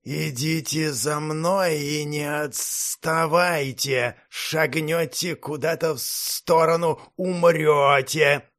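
A man voicing a tall, stern male half-snake temple guard with a metallic voice, speaking slowly and coldly. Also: fairly high pitch, steady tone, fairly bright tone. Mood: menacing. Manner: slow, cold, threatening. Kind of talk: audiobook fantasy narration.

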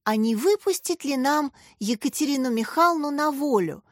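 A woman voicing a kind young schoolteacher who talks gently with her pupils. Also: high voice, expressive, moderate pace, no room sound, clean studio sound, pitched above the performer's own voice. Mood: gentle.

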